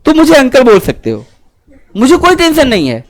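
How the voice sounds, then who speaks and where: In a classroom lecture, a man with a very high voice keeps checking with quick questions whether the students have understood. He swings between lively, joking asides and earnest, preachy advice.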